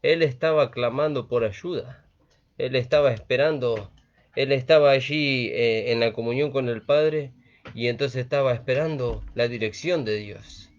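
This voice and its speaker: A man's voice: mid-range voice, slight background noise. A man preaching a sermon, earnest and repetitive, often asking "¿vio?". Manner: earnest, repeats phrases with frequent "¿vio?". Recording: dull lo-fi recording.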